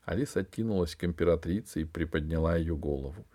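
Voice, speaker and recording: A man's voice: deep voice, fast talker, dark tone. A man reading a children's sci-fi audiobook in a dramatic storytelling manner. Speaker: audiobook reader. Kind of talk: scripted narration.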